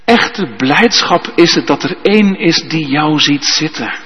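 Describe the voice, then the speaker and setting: Male pastor, slightly husky, unhurried delivery, church reverb on a dull recording. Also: a little high, animated. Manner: slow, emphatic preaching with tag questions. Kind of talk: sermon.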